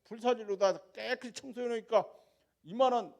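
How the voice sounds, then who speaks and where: A man, a church deacon, telling a lively testimony at a prayer meeting, going from loud to soft. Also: very high voice, fairly quick, creaky. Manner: animated storytelling that swings between loud and soft.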